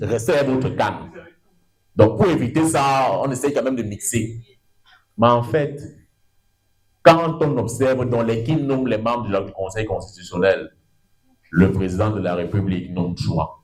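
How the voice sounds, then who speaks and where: A roughly recorded lecture room clip features a middle-aged man lecturing on law at a university. His Cameroonian French accent colors a spirited, rambling delivery in which he elongates words and lifts his pitch sharply for emphasis.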